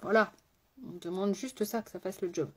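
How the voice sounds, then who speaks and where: A woman's voice: medium pitch, steady tone, moderate pace, fairly bright tone, husky. A woman makeup artist chatting through a live makeup tutorial, talking straight to her viewers with rambling asides.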